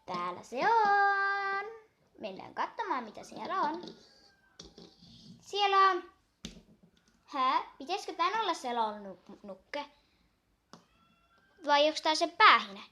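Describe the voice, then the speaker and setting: Excitable high-voiced girl unboxing toys. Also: pauses often, slight background noise. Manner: excitable, gushing squeals; counts down aloud. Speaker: toy unboxing vlogger. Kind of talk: casual unboxing chat.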